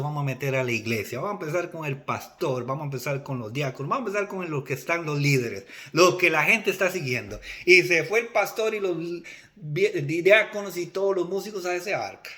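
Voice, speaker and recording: Animated bright-voiced male preacher. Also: fairly high pitch. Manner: animated, acts out dialogue with rising and dropping voice. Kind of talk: sermon.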